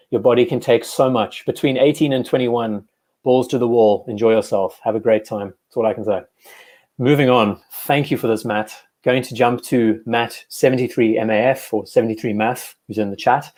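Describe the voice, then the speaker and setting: A young man in his twenties hosts a live stream in a loose, chatty way. His voice sits at an ordinary middle pitch, and he often stops to fix a word or answer the chat. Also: fairly even intonation, moderate pace, darkish tone. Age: 20s. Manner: chatty, reads live chat aloud, self-correcting. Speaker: host. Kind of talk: casual livestream chat.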